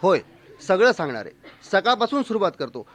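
A man telling a humorous story in a lively, expressive, mock-dramatic way. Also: high-pitched, fairly quick.

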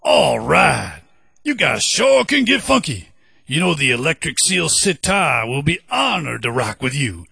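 A gravelly laid-back giant octopus. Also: male voice, fairly high pitch, very animated, unhurried, bright, forceful tone, no echo, clean studio sound, exaggerated voice. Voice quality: gravelly, drawling. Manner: cool, easygoing, slangy. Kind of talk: children's audio story acting.

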